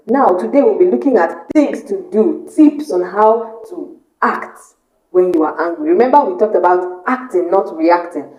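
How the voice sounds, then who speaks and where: A woman's voice: medium pitch, dark tone, highs cut off. A woman hosting her own channel, giving earnest motivational advice to the viewer, asking rhetorical questions and repeating her key points. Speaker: motivational YouTube host. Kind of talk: motivational talk to camera. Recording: roomy echo.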